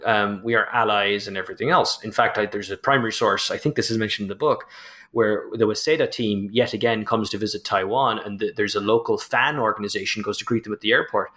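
A man's voice: lowish voice, a little fast, bright, forceful tone. A man, the author guest, explaining and telling anecdotes in a chatty way, peppered with "you know". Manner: chatty, storytelling, frequent "you know" and laughter. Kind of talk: conversational explanation in an interview.

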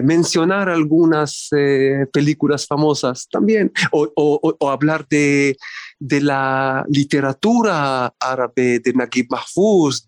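Slow, hesitant man in his fifties. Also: fairly high pitch, no echo, clean studio sound. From Israel. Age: 50s. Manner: hesitant, many fillers and restarts. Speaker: diplomat guest. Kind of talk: interview.

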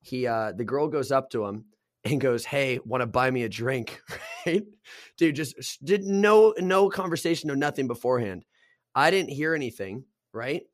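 Here the man keeps a moderate pace, his medium-pitched voice captured cleanly in an echo-free studio. As a podcast host he swaps bar stories casually, cursing freely and telling them with excitement.

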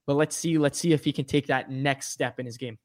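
Fast-talking man joking about hockey. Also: mid-range voice, fairly even intonation, no room sound, clean studio sound. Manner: quick, chatty, jokey. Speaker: podcast co-host. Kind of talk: casual sports chat.

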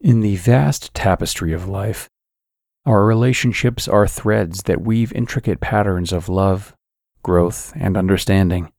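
A man narrating a scripted guided sleep meditation in a calm, soothing, measured sleep-story manner. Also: low voice, creaky, no room sound, clean studio sound.

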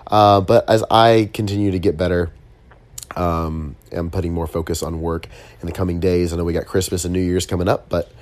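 A low-pitched man talks in a dry, close sound, his nose audibly blocked so the voice comes out congested and nasal. He delivers a casual motivational monologue like a coach hosting his own show, informal and earnest, with emphatic pauses. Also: fairly even intonation, darkish tone, dry recording. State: stuffy nose. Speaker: host, relationship coach.

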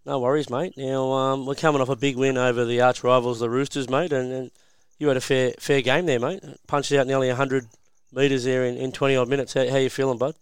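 Blokey, clear-voiced Australian radio host, tradesman style. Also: mid-range voice, flat delivery, brisk, no room sound. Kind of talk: casual sports radio interview.

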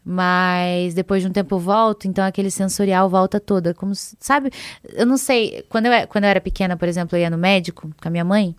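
As a podcast guest, a young woman who makes ASMR content chats casually, rambling, giggling and often cutting herself off. Her mid-range voice is steady, fast, clear and resonant, recorded dry with clean studio sound.

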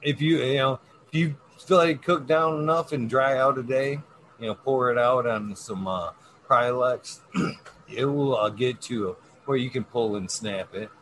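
A man rambles casually in a medium-pitched voice. His talk is coarse and slangy, full of swearing. A faint layer of noise sits behind him. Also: moderate pace, fairly bright tone, low-quality recording.

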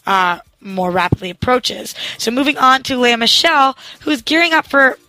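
A woman's voice: sits high, expressive, normal speed, bright, forceful tone, dry recording, poor audio. A young woman hosting a casual celebrity news chat, reading items aloud and joking at her own expense. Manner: reads news items aloud with quips, self-deprecating. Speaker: entertainment news host.

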